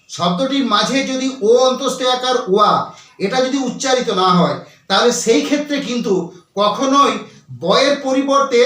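High-voiced teacher in an echoey room. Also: male voice, a bit bright. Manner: explains step by step, repeats key points, asks and answers own questions. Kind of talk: grammar lesson to students. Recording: very echoey room, voice far from the mic.

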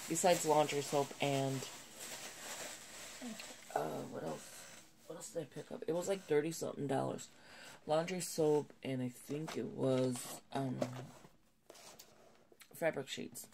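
This haul video features a low-pitched woman sitting at a home table, showing items and chatting casually against a noisy background. A cold leaves her voice slightly nasal, and she rambles, self-corrects, and stays chatty.

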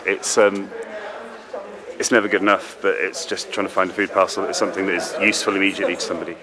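A man in his forties from England, a volunteer explaining his work calmly in a large warehouse. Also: low voice, quick pace, a crowd in the background. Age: 40s. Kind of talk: interview.

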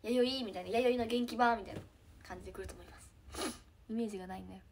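A teenage girl with a Kansai accent chatting casually with fans on a live stream, giggly and trailing into soft murmurs. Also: fairly high pitch, fast talker, background noise. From Hyogo, Japan. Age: teens. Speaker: idol trainee streaming to fans.

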